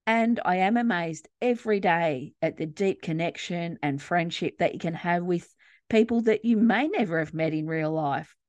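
A woman co-hosts a casual grief podcast, speaking earnestly and reflectively about friendship and loss. Her voice is lowish and a little mellow, at a moderate pace, in a dry recording.

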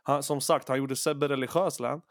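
A man's voice: mid-range voice, fairly even intonation, no echo, studio quality. A man co-hosting a podcast, telling a long story in a casual, rambling way, full of fillers and slang. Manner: rambling, lots of fillers and acted-out quotes, Swedish slang. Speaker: podcast co-host.

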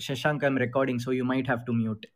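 A man's voice: mid-range voice, level tone, quick pace. Casual Indian-accented man hosting a group call. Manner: informal, mixes Hindi phrases into English. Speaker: host of an online group call on crypto investing.

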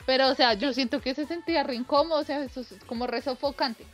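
A woman's voice: high voice, fast, faint music behind. A young woman telling a casual anecdote, acting out the voices she quotes and laughing often. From Colombia. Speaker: storyteller.

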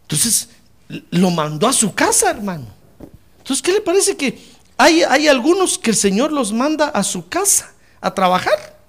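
A man's voice: very high-pitched, very animated, normal speed, fairly bright tone. A man preaching a fervent sermon, often calling his listeners brother.

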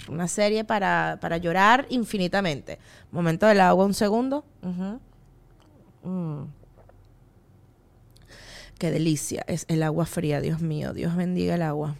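A woman's voice: medium pitch, smooth. A young woman with a Venezuelan accent hosting a podcast as a casual monologue, chatty and joking, full of slang asides. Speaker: podcast host.

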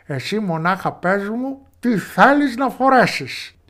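A man voicing a boastful, ragged goblin father in a storybook tale, calling out loudly and coaxingly. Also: high-pitched, lively intonation, pitched above the performer's own voice. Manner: loud coaxing calls.

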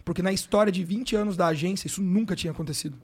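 Brief: middle-aged Brazilian man, somewhat high voice, emotional slangy storytelling, podcast guest. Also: very fast, darkish tone, slightly rough. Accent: Brazilian Portuguese. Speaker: sports coach, podcast guest. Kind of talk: casual storytelling interview.

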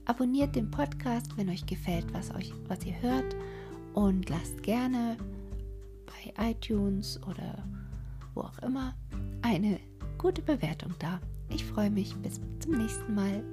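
A woman hosting a sleep podcast, reading a fairy tale aloud in a soft, soothing whisper. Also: mid-range voice, expressive, takes it slowly, over music. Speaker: sleep podcast host and narrator. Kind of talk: whispered bedtime story reading.

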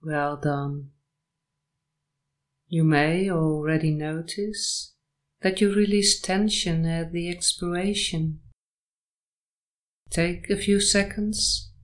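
A woman with a fairly low pitch guides a sleep meditation and hypnosis session, offering short, measured, soothing phrases with long breaks between them.

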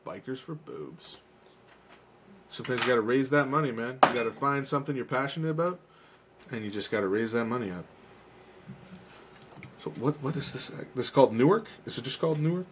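A man's voice: medium pitch, lively intonation, fairly quick, pauses often. A man co-hosts a casual live stream in an ordinary mid-range voice. He talks in a loose, joking way, rambling and restarting his sentences, with a faint noise behind him. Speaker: co-host.

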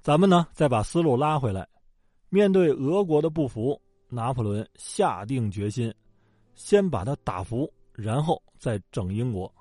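This man's medium-pitched voice has a dark tone and lively intonation as he narrates history at a measured pace. His style is colloquial and jokey, with asides and acted quotes, captured on a dry close mic without echo over faint background music.

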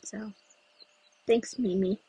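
An American-raised podcast host rambles through a solo chat outdoors, in a breezy place with passersby, thinking aloud and pausing as he goes. The voice is mid-range, steady and dark, a little rough, and the recording itself is rough too.

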